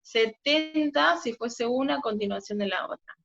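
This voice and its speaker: A slightly high, gravelly, somewhat bright female voice speaks at a normal pace. She's teaching physics on a video call, going step by step and frequently checking on her students, while the muffled audio carries faint noise.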